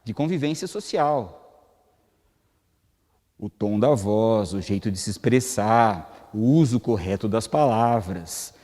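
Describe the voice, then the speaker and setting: Speaking slowly with a lowish, warm voice and lively intonation, this Brazilian man delivers a spiritist-center lecture in his Brazilian Portuguese accent. He keeps it conversational, tossing rhetorical questions to listeners, and the hall echoes.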